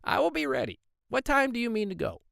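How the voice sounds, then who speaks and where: A man voicing a small, clever male pig in a storybook reading, speaking high and politely. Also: huge pitch swings, quick pace, gravelly, fairly bright tone, no room sound, clean studio sound, full character voice. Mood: cheeky.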